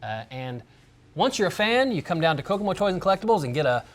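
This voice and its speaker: Rambling, jokey male host, slightly high voice. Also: big pitch swings, fast. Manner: rambling and jokey, plugging things. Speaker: show host. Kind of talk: casual comedic chat. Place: toy and collectibles shop.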